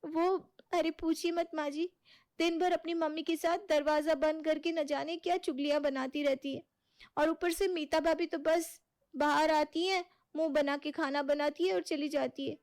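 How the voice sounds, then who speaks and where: A woman's voice: high-pitched, steady tone, normal speed, a little mellow. A woman voicing a scheming, manipulative young wife who sweet-talks her in-laws in a cartoon story. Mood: sweet-talking. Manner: sugary, scheming.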